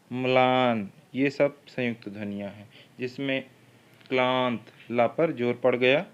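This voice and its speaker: A male teacher runs through exam-prep questions, repeating each one before going over the choices. His voice is smooth and clear at a mid pitch. The recording is slightly muffled and lo-fi. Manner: reads each question twice, then the options, then explains. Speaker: Hindi literature teacher.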